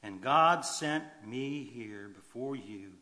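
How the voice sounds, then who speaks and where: A man preaching a sermon in an animated way, swinging from loud emphasis to quiet asides. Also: mid-range voice, slow. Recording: long hall reverb.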